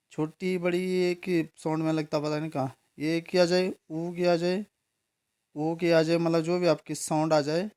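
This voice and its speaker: Smooth-voiced man teaching grammar. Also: fairly high pitch, darkish tone. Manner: explains patiently, repeats words and asks "ठीक है?"; spells words out slowly letter by letter. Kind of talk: classroom grammar lesson.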